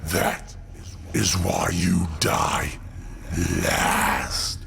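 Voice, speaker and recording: A man playing a grave, embittered alien god killer in a comic-book audio drama, delivering slow, theatrical, menacing speeches. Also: fairly even intonation, fairly bright tone, full character voice. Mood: cold, menacing. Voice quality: deep gravelly voice. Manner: slow, brooding, theatrical villain monologue. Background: music under the voice.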